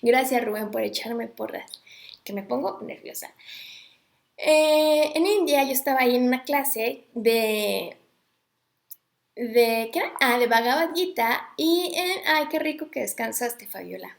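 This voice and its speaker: A woman's voice: on the high side, measured pace, creaky, reverberant. A woman talking casually to viewers, chatty and digressive, stopping to greet people as she goes. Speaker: host. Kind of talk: casual live talk on Sanskrit recitation.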